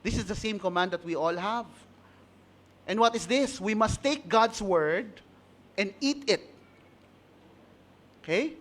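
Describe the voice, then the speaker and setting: A man's voice: sits high, slow, pauses often, a bit bright. A man with a Filipino accent preaching a sermon, switching between Tagalog and English, asking the congregation questions and laughing at his own stories. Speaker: pastor.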